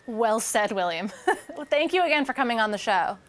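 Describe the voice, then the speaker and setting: A woman's voice: on the high side, sing-song, normal speed, a little hiss or hum. A woman hosting an interview show, presenting scripted lines and questions in a polite, presentational way.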